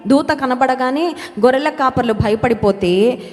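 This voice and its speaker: A woman's voice: sits high, a little slow, darkish tone. A woman preaching a sermon who repeats key words for emphasis, puts questions to her listeners and slips English phrases into her talk. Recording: long hall reverb.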